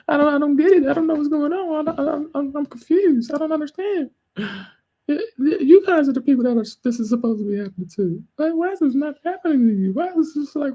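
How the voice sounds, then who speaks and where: A man putting on a shrill, whiny entitled woman. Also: mellow. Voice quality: shrill, high and whining.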